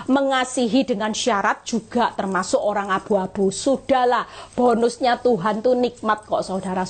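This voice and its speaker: A middle-aged woman evangelist, preaching a lively sermon on a live stream and acting out quotes. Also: a little high, breathy edge.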